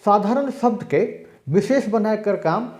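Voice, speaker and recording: A man giving a recorded exam-prep language lecture, explaining slowly and acting out spoken examples. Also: high voice, expressive, darkish tone, echoey room. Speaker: language teacher.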